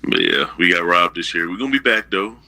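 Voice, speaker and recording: A man in casual chat, telling stories in an animated, profane way. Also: deep voice, a little fast.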